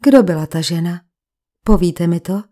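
A woman voicing an angry young woman who insists on answers, sharp and ironic, in a crime audiobook. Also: on the low side, close to an everyday voice. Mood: insistent.

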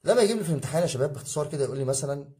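A man's voice: on the high side, lively intonation, racing, mellow. A man with an Egyptian Arabic accent teaching an exam review lesson, asking his students questions and answering them himself. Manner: addresses students as guys, drilling rules. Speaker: English teacher.

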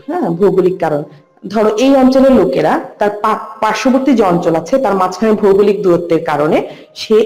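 A woman teaching a recorded lesson, asking questions and answering them herself and repeating key terms slowly. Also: medium pitch, mellow. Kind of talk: recorded online lecture. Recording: echoey room with faint music.

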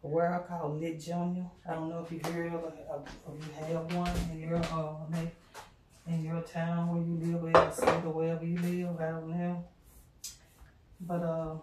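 A middle-aged woman cooks in her home kitchen and chats casually with viewers as a vlogger, full of fillers and "y'all." Her lowish voice is monotone, a little mellow, and moderately paced, picked up from a distance by a camera on the counter, with roomy kitchen acoustics and slight background noise.

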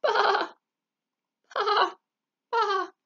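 A woman voicing a cheerful young male sheep who sings high bleating calls. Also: extremely slow, pushed and bright, muffled recording, exaggerated voice.

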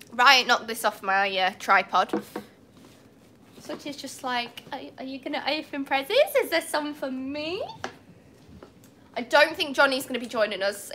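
Livestreaming from a cat cafe with large windows, a young English woman with a cold chats casually, often laughing and apologizing. Her high voice comes across pushed and bright, captured by a phone on a tripod. There's a little background noise.

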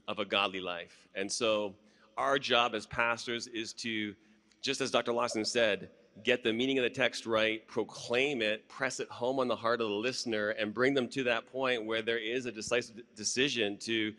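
A man's voice: mid-range voice, sharp tone. A man, a pastor on a conference panel, speaking earnestly and declaratively into a handheld mic. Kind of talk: panel discussion answer. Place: large conference hall stage.

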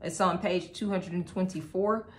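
A woman teaching a casual Bible study, halting with many fillers and restarts, laughing now and then. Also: fairly low pitch, steady tone.

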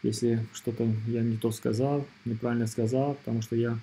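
A man narrating an informal screen tutorial as its presenter, in a hesitant, halting way, often repeating himself. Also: mid-range voice, flat delivery, mellow, slight background noise, low-quality recording. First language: not Russian or rusty Russian speaker living abroad.

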